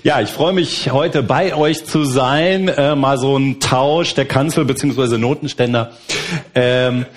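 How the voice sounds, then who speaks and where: A middle-aged man from Berlin preaching a sermon as a guest pastor, relaxed and conversational with frequent fillers. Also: mid-range voice. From Berlin, Germany.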